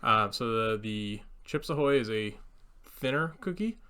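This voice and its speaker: A man co-hosting a home food review, chatting casually about cookies in halting speech full of pauses. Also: mid-range voice, lively intonation, pushed and bright, smooth. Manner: halting, with many pauses and fillers. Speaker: co-host of a food review channel. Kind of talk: casual taste-test chat. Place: home kitchen.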